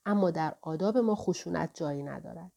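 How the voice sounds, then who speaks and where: A woman narrating a novel aloud in a steady, measured way, in the first person. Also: on the low side, vocal fry. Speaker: audiobook narrator.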